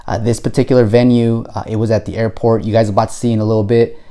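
A man's voice: fairly low pitch, racing. Upbeat man vlogging his business. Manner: energetic, hypes himself up, playful. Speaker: photo booth business vlogger. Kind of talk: casual vlog talk to camera. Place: outdoors by a vehicle, loading equipment.

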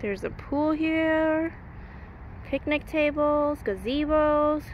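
A woman's voice: high voice, slow, slight background noise. A woman vlogging at an outdoor playground on a handheld camera, describing what she sees and coaxing her child to play. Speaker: vlogger filming her kids. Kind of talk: casual vlog narration.

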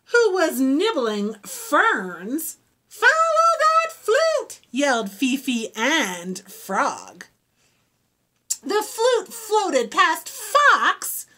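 A woman reading a picture book aloud to children, stopping to explain new words and ask them questions. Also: high voice. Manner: animated, asks children questions. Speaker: storybook reader for children. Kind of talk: children's read-aloud with vocabulary teaching.

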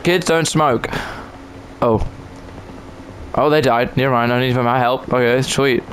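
A man's voice: mid-range voice, unhurried, a bit bright, a little hiss or hum, low-quality recording. A man giving casual, jokey commentary on his own gameplay, chatting to himself and to other players.

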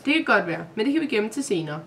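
A woman's voice: medium pitch, sing-song, fairly bright tone, recorded from a distance, a little hiss or hum. Give me a cold scheming boy who commands wolves, read by a woman storyteller.

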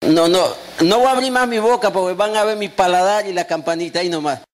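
A man preaching a sermon as a pastor, emphatic and acting out quotes, at times breaking into shouts. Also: sits high, quick pace.

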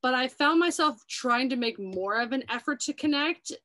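A woman's voice: high voice, animated, moderate pace, a bit bright. A young woman hosting a casual chat, talking loosely with lots of filler words. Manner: chatty, many "like" fillers. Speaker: YouTube host. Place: New York City.

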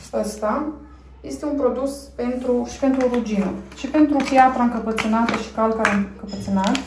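At home with her phone camera rolling, a Romanian woman in her thirties talks casually through her cleaning for her family vlog, pausing frequently and using fillers. Her voice is a little high, and there's background noise.

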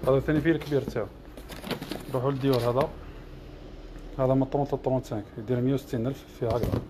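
Algerian man selling shoes, quick patter, mid pitch, clear shop noise behind. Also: fairly even intonation. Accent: Algerian Arabic. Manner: rattles off prices and colors in a list. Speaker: shop seller. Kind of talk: product showcase livestream. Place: shoe shop.

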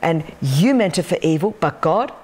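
A woman's voice: on the low side, expressive, moderate pace, a little mellow, slightly rough. A woman in her fifties, a guest on a talk show, telling her story with passion and emphasis. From Australia. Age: 50s. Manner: passionate, emphatic, gestures constantly with both hands. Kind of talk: animated testimony on a talk show. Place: large wood-beamed studio loft set.

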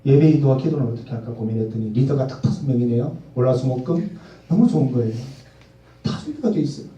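Heard from a distance in an echoey church hall, a man in his forties gives a youth-service sermon in a chatty style, asking the congregation questions and performing the lines he quotes. His mid-range, dark-toned voice is animated and fast, and the recording is muffled.

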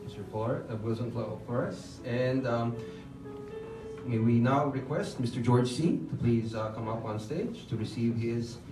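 A young man acting as master of ceremonies at a formal award ceremony, politely calling people up with many hesitant pauses. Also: mid-range voice. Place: hotel function room, at a lectern. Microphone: lectern microphone, filmed from far off. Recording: roomy far-off hall sound with music. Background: background music.

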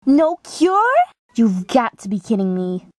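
Woman voicing teenage monster girl, high, sassy, whiny little sister, talking with braces, amateur cartoon reading, dry. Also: very animated, slow pace, darkish tone, no echo, exaggerated voice. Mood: exasperated.

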